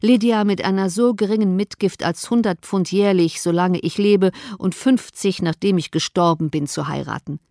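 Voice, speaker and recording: Frau spricht einen ironischen alten vater, ergeben und nüchtern, trocken aufgenommen. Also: female voice, medium pitch, normal speed, few pauses, warm tone, dry recording, studio quality, natural voice. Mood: wry. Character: dry, rueful older father. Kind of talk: audiobook reading.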